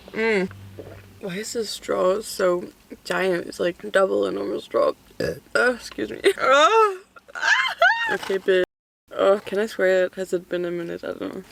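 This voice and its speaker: A young woman chats through a casual eating vlog, giggling often and swearing freely. She talks at an ordinary, middle pitch, near a road where cars pass. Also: creaky, a little hiss or hum. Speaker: vlogger. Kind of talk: casual mukbang chat.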